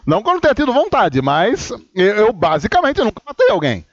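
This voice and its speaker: A man's voice: sits high, wildly swooping pitch, quick pace, no room sound, highs cut off. A man from Brazil, a pastor giving a humorous, conversational sermon and acting out his own inner dialogue.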